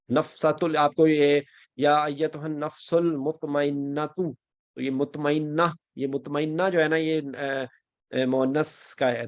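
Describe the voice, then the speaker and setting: With no echo on the audio, a male teacher speaks at a fairly high pitch during an online grammar lesson. He teaches the Quran and Arabic grammar, mixing English phrases into Urdu while he explains step by step and checks in with his students.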